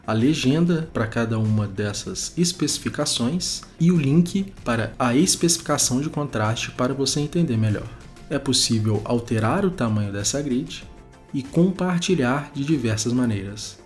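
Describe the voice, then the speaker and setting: A man hosting a web development show, giving steady scripted narration over a screencast of tools. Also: medium pitch. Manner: steady, explanatory, informative.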